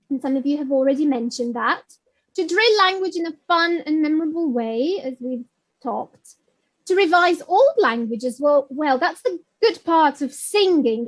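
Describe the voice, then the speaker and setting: A woman's voice: sits high, lively intonation, a little slow, rough recording. A woman presenting an online teacher-training webinar, chatty and addressing attendees directly by name, on a video call mic.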